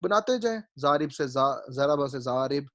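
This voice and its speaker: A man's voice: medium pitch, lively intonation, fairly bright tone, no echo. A man teaching Arabic grammar in a classroom lecture. He explains step by step, repeats his points and keeps checking that his students understand.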